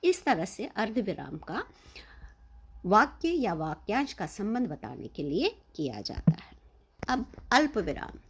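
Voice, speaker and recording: A woman's voice: medium pitch, sing-song, a little slow, breathy edge. A woman teaching a lesson to children, explaining patiently and stressing her example sentences.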